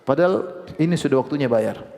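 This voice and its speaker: A man's voice: medium pitch, brisk, big-room sound. A man giving an Islamic lecture, telling stories and acting out the voices of the people in them. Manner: lively storytelling, acts out quoted voices. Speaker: preacher.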